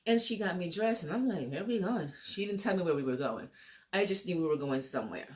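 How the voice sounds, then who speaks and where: Woman with a lowish voice telling her own story, rambly, keeps repeating herself. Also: expressive, fast. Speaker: vlogger telling a personal story. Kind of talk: casual personal storytelling.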